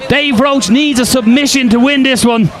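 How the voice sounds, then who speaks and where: An Irish man giving excitable live play-by-play commentary as lead fight commentator. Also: extremely high pitch, moderate pace. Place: indoor arena. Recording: live arena commentary over crowd noise.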